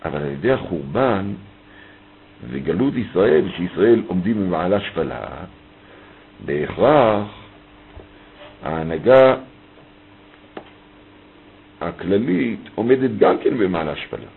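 Reading a passage aloud before unpacking it phrase by phrase, a male Torah teacher gives a text study lesson in a low, animated voice with vocal fry and long pauses. The thin, phone-like recording has faint ambience and a little hiss or hum.

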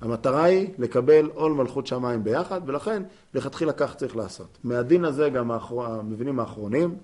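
A man gives a Torah class in a plain middle-pitched voice. He explains the law patiently, stopping often on fillers before he finds the next point. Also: lively intonation, darkish tone. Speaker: rabbi teaching halakha. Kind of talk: torah lesson.

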